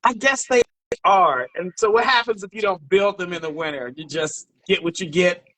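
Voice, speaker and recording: A man's voice: high voice, moderate pace, fairly bright tone, low-quality recording. A man hosting a dating show over a video call, bantering playfully and teasing his guest. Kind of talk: casual live-stream chat.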